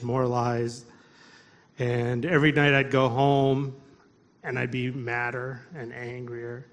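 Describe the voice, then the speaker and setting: A man telling a personal story to coworkers at a live storytelling event, halting and restarting often, laughing through his words. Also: medium pitch.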